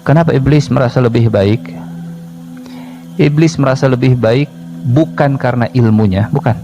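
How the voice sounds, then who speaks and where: A male preacher with a Sundanese accent giving a lively, joking sermon and speaking straight to his congregation. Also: mid-range voice, moderate pace, muffled recording. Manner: lively, joking, addresses the audience directly. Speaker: Islamic preacher. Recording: music playing underneath.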